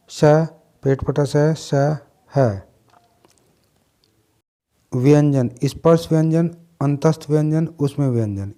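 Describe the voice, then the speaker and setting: A man gives a grammar lesson in a warm, mellow voice at a middling pitch. He reads his notes at an even, steady rate and names the letters one by one. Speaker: teacher.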